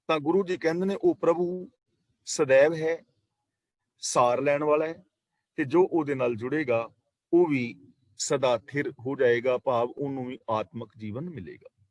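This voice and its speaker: A man's voice: mid-range voice, measured pace, darkish tone, no room sound. A man teaching a scripture class over an online call, explaining verses line by line with parables and repetition. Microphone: online meeting call.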